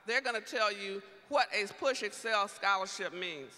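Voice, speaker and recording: High, bright-voiced man rousing a crowd. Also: normal speed, a little hiss or hum. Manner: rousing, repeated rhetorical questions. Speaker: speaker for the organization. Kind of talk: impassioned appeal. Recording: long hall reverb.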